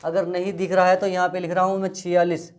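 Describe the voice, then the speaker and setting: Flat-voiced male teacher. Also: high-pitched, quick pace. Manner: drills words by repeating them, flat and steady. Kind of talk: exam-prep spelling lesson.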